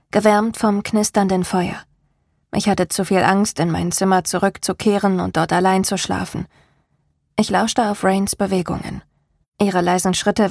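Brief: woman audiobook narrator, first-person novel, mid-pitched, breathy edge, steady delivery. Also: no room sound, clean studio sound.

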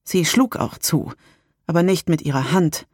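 A narrator reading a German first-person audiobook in a calm, measured storytelling manner. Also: mid-range voice, slightly rough.

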